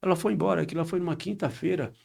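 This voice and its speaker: A man, a pastor recounting a healing testimony on a podcast, acting out dialogue and rising in pitch as he gets excited. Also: rapid-fire, creaky. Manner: animated retelling with quoted dialogue, rising pitch when excited.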